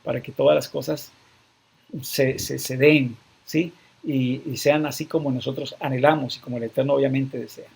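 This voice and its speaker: Gravelly-voiced Colombian man teaching a sermon. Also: mid-range voice, flat delivery, normal speed, a little mellow. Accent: Colombian Spanish. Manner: earnest, repeats points with tag questions. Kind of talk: sermon-style teaching on the weekly Torah portion.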